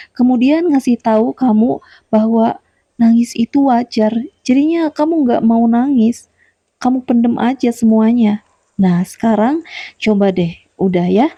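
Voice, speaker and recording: A woman's voice: a little high, warm tone, no room sound, lo-fi sound. A woman giving a motivational talk straight to her viewers, often repeating her points and asking them questions. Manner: repeats key points, asks the listener questions. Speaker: motivational YouTuber. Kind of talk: direct-to-camera motivational talk.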